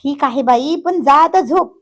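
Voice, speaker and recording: A woman's voice: high-pitched, unhurried. A woman voicing an exasperated young man who scolds and teases, still patient underneath. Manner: scolding, teasing.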